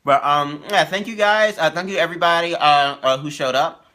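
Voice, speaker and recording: A man's voice: a little high, fairly quick, sharp tone. A young man hosting a casual live stream for his gaming channel, rambling with lots of fillers and repeating himself. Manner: eating while talking.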